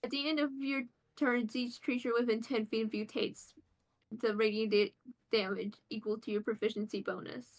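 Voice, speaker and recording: A woman's voice: on the high side, fairly even intonation, moderate pace, low-quality recording. A woman playing a tabletop game, reading out abilities in a hesitant way with many restarts. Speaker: player. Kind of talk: tabletop role-play chat.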